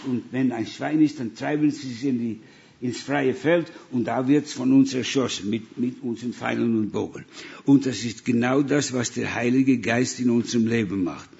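This is a storytelling sermon in German by a Dutch-accented man from the Netherlands, who recounts missionary anecdotes and plays out the dialogue. His medium-pitched voice is creaky and a little mellow, heard through dull audio.

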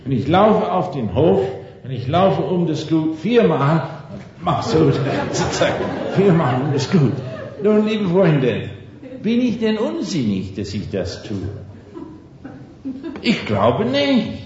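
Male preacher, slow storyteller with a lively, swooping voice, heavy hall echo on a muffled recording. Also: on the high side, crowd noise. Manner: storytelling, folksy, asks the audience questions; tag question "nicht wahr" again and again. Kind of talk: sermon with anecdote.

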